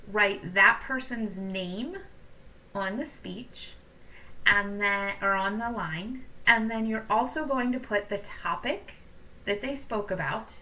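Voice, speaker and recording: A middle-aged woman with a bright, forceful voice gives an informal lesson to students. She sounds upbeat and encouraging. The sound is a little distant, picked up by a webcam microphone in a room at home. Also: mid-range voice, a little hiss or hum. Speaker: teacher. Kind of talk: casual recorded lesson for students. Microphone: computer webcam mic at a distance.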